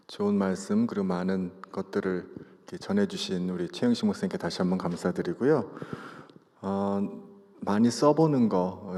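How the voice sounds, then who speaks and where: A deep-voiced man hosts a chapel service over a PA system, his voice ringing in a long hall reverb. The tone is soft-edged and dark, and he gives announcements haltingly, pausing often between phrases. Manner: halting, hesitant delivery with drawn-out pauses. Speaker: chapel host making announcements. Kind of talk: closing remarks and announcements to a congregation. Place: large chapel.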